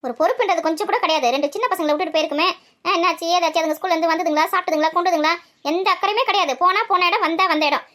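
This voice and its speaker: A woman voicing a tired, grumbling old grandmother with an aching back, talking soft and low in a comic family skit. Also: racing. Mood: scolding. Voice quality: soft and low, muttering to herself.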